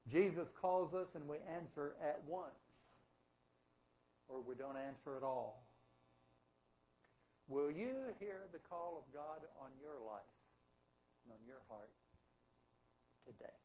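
A man's voice: on the high side, expressive, takes it slowly, long pauses, mellow, low-quality recording. A man preaching a sermon as pastor in a church, emphatic and asking rhetorical questions. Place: church sanctuary.

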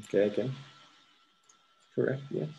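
A man's voice: medium pitch, slow pace, creaky, dark tone, muffled recording, a little hiss or hum. Patient man tutoring English pronunciation. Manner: patient, corrects pronunciation by repeating words. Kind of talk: one-on-one TOEFL grammar lesson.

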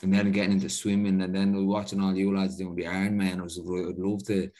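A man hosting a podcast, asking rambling questions in a relaxed, casual chat. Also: deep voice, quick pace. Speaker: podcast host.

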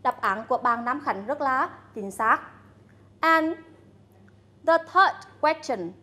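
High, slow-speaking Vietnamese woman teacher. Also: expressive, sharp tone. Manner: slow, deliberate, coaxing prompts to students. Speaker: English teacher. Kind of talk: bilingual classroom lesson.

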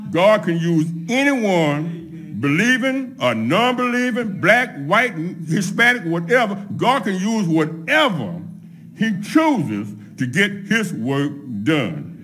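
A middle-aged man preaching a sermon from a pulpit, laying out his points one by one in a measured way. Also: high-pitched, very animated, fairly bright tone. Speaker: pastor. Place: church sanctuary at a pulpit, empty pews behind. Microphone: microphone on a pulpit stand.

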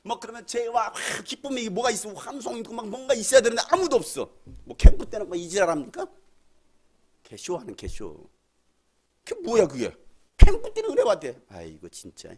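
A man's voice: high-pitched, wildly swooping pitch, brisk, slightly rough. A middle-aged male pastor from Jeolla with a Jeolla accent, preaching a blunt, scolding youth sermon in a church hall. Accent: Jeolla Korean. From Jeolla, Korea. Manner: blunt, scolding, swings between shouts and mutters.

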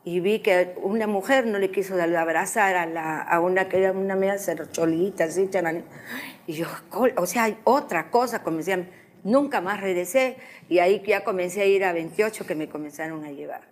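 A middle-aged woman giving her personal testimony in an interview, speaking haltingly with restarts as she recalls her past. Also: fairly low pitch, slight background noise. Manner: halting, restarts, emotional recollection.

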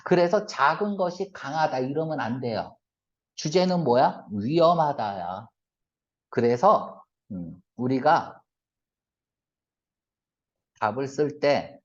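Male reading teacher, animated delivery that swings between polite and blunt, keeps quizzing the class; dull lo-fi lecture capture. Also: medium pitch. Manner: brisk, fires rhetorical check-questions at students; switches between polite and blunt casual speech. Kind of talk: exam-prep lecture. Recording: lo-fi lecture recording.

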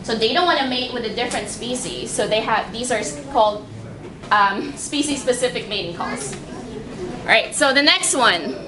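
A woman's voice: fairly high pitch, normal speed, crowd noise. Chatty young woman in an echoey room. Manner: casual, chatty, frequent fillers and restarts. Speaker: lab researcher giving public science talk. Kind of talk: informal public science talk. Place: library meeting room. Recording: echoey room with background noise.

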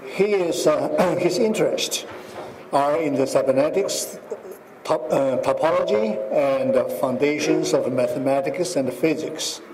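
A man introduces a speaker at a hotel conference, reading slowly and haltingly. He stops often on uhs and clears his throat. The hall rings with a long reverb and faint noise. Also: fairly high pitch. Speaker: session chair introducing speaker. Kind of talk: formal introduction.

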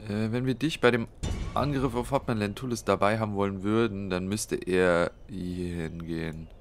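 This man's voice sits fairly low, with fairly even intonation and a moderate pace. He's a let's play host with a cold, offering casual commentary as he thinks aloud through a strategy game, full of fillers, planning step by step.

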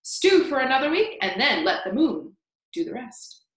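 A woman voicing a strange, excitable old man in a storybook reading, in an echoey room. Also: fairly high pitch, moderate pace. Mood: urgent. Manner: hushed and then wildly urgent.

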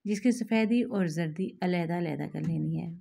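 A woman host, calmly explaining a recipe step by step to her viewers in a voice-over. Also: on the low side, normal speed, vocal fry, slightly rough. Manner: calm, instructive, addresses viewers directly. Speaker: cooking channel host.

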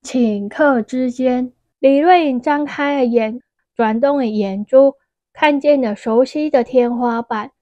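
A woman narrating a fantasy novel as an audiobook in a steady, even storytelling manner. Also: sits high, unhurried, no echo, muffled recording.

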